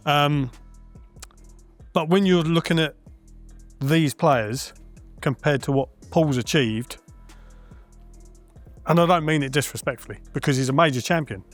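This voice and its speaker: A man's voice: a little high, measured pace, long pauses, soft background music. Friendly man, frank chat. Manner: frank and friendly, with many fillers and hedges. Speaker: darts guest and former player. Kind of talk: casual panel discussion.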